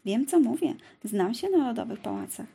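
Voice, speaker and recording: A woman voicing a calm, regal young queen with a dignified, dryly teasing way of speaking in a storybook reading. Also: fairly high pitch, normal speed, vocal fry, husky, full character voice.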